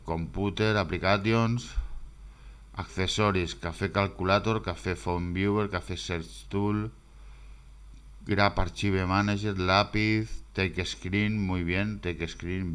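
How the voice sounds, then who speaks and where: A man's voice: low-pitched, a bit bright, clean tone. A man casually talking through a desktop demo as he goes, rambling and repeating himself as he thinks aloud. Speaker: screencast maker. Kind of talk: casual screen-recorded demo.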